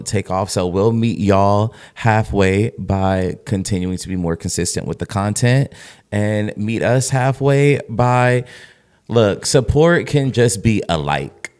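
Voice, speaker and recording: A man's voice: on the low side, unhurried, a little mellow, clear, resonant tone. Easygoing male podcast co-host. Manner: easygoing, stumbles and restarts. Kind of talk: casual podcast chat.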